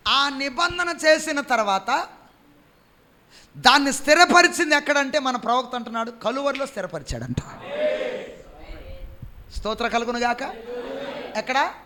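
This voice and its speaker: A man preaching a sermon, quizzing the congregation and stretching key phrases slowly and loudly. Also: extremely high pitch, expressive.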